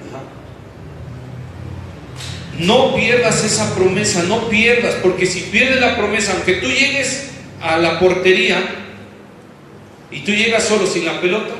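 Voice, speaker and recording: A man's voice: sits high, a bit bright. A man preaching a sermon, emphatic and asking the congregation questions as he goes. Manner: emphatic, asks the congregation questions, uses football comparisons. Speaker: pastor. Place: church hall. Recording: echoey church hall from far off, faint background noise.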